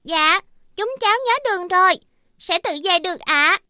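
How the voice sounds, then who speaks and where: A woman voicing a kind, caring little girl princess in an animated fairy tale. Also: extremely high pitch, normal speed, dry recording, studio quality, exaggerated voice. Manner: bright, caring, childlike speech. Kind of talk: cartoon dub acting.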